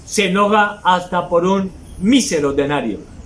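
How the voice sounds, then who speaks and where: A man's voice: sits high, measured pace, fairly bright tone, a little hiss or hum, low-quality recording. A man preaching a sermon as pastor, emphatic and mocking hypocrites in mimicked asides.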